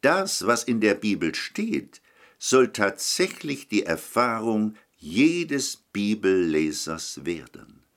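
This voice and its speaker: A man preaches a short telephone sermon in a very deep voice. He takes his time and his pitch rises and falls a lot. He pleads with the listener and addresses them directly. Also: big pitch swings, slow pace, fairly bright tone.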